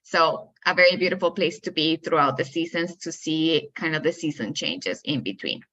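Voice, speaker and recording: Bright-voiced woman presenting from Colombia. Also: sits low, moderate pace, lo-fi sound. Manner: friendly, explanatory, with fillers. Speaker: university admissions representative. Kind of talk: presentation to prospective students. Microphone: video call.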